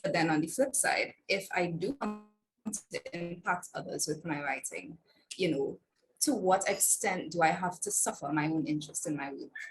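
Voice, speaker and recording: A woman's voice: lowish voice, moderate pace, faint music behind. A woman on a panel, talking in a hesitant, searching way over a video call stream that keeps breaking up. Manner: hesitant and searching, thinking aloud. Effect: choppy, breaking-up video call stream. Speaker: MFA student panelist. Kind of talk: casual panel discussion. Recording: noisy, glitchy video-call audio.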